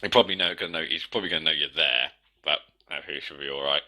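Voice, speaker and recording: A man talks casually as a player in a tabletop game, laying out plans. His voice sits very deep, with a strikingly bright, sharp edge. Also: very fast. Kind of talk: casual game planning talk.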